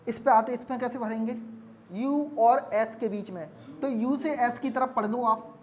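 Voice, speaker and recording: A woman's voice: a little high, a little slow, darkish tone, slight background noise. A woman teaching exam reasoning on a board, repeating each step and often asking if it is understood. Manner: repeats steps, checks understanding with questions. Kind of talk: explaining on a board.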